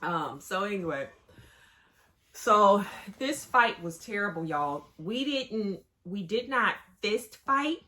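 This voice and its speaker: A woman telling a story about her marriage to viewers in a casual, animated way. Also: mid-range voice, slow. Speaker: co-host.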